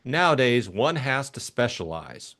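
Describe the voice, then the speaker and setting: For an audiobook mystery, a man voices a breezy, eager young upper-class gentleman who talks in a chummy, exclamatory, slangy way. His medium-pitched voice is sing-song and measured, and the mood is triumphant and eager.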